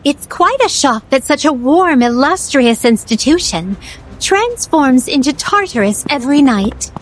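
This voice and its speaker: A woman's voice: high voice, expressive, a little slow, low-quality recording. A woman voicing a poised, curious and naive otherworldly attendant in a video game, speaking in formal, flowery and overly polite phrases. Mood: politely fascinated. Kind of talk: scripted video game dialogue.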